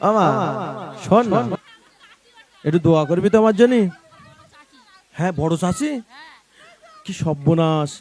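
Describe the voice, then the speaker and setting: A man, a devotional street singer, switching between drawn-out sung songs and affectionate, teasing banter. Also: sits high, lively intonation, a little mellow, a faint crowd.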